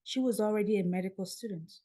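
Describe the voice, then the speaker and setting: Nigerian woman telling a lively story. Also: medium pitch, quick pace. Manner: lively storyteller who acts out dialogue. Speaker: guest. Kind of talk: podcast interview storytelling.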